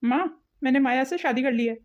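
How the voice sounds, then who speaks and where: A cocky married man from a cartoon soap, dismissive and defiant , voiced by a woman. His voice runs notably high. The recording is muffled and lo-fi. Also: brisk, noisy background, natural voice. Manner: defiant, contemptuous. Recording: dull lo-fi audio.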